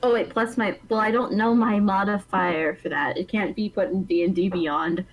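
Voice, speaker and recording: A woman playing in a tabletop game, chatting casually in an unhurried, unsure way. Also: mid-range voice, fairly even intonation, low-quality recording. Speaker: player.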